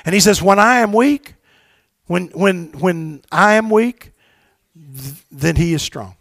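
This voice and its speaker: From a church pulpit in the sanctuary, a pastor with a very high, gravelly voice preaches a sermon slowly and with lively intonation. He shouts exhortations, drops into low, quiet asides, and leads the congregation in call-and-response, saying lines back with him. The recording is close and dry.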